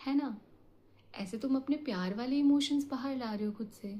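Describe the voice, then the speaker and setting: A woman's voice: fairly high pitch, a little mellow. A woman giving a heartfelt motivational talk, mixing Hindi and English, coaxing and intimate, often dropping to a whisper. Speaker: motivational speaker.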